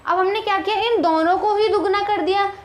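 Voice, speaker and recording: High-voiced woman teaching chemistry. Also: fairly quick. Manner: explains step by step, asks rhetorical questions; addresses students as kids, reassuring. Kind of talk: online chemistry lesson.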